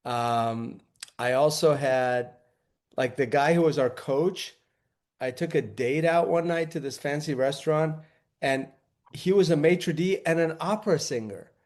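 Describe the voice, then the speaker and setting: Guy from new york, highish voice, casual podcast guest telling anecdotes. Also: a little slow, a little mellow.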